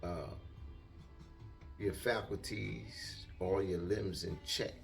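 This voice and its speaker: A man's voice: sits low, slow pace, vocal fry, soft background music. An older retired man telling a long casual story in a rambling way, acting out what people said. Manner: rambling, animated, acts out quotes.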